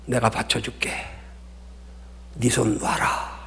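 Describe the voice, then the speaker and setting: A man voicing God in a sermon story, speaking low, hushed and stern. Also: completely flat delivery, slow pace, vocal fry, slight background noise. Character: God speaking firmly to a believer, male.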